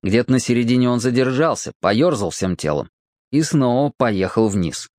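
A narrator reading a children's story aloud with a lively, expressive voice. The pitch rises and falls freely. The recording is close and dry. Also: normal speed, no room sound.

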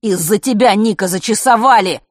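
A woman's voice: mid-range voice, moderate pace, no room sound, studio quality, voice pushed up, natural voice. A woman voicing a proud, hot-tempered teenage boy who speaks curtly and defiantly. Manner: curt, defiant.

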